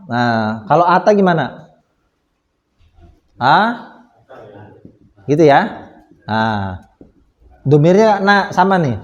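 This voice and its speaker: In a small prayer room, a man with an Indonesian accent teaches an Arabic grammar lesson, asking the class questions and patiently answering them himself. His voice is fairly high and very animated yet slow and patient, and the recording is muffled.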